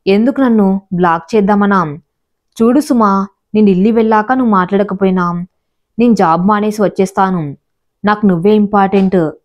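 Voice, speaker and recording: Storybook husband, young and hot-tempered, gruff and commanding, read by a woman narrator. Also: mid-range voice, normal speed, pauses often, dull audio, close to an everyday voice. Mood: pleading. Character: young husband, short-tempered, loud, then pleading.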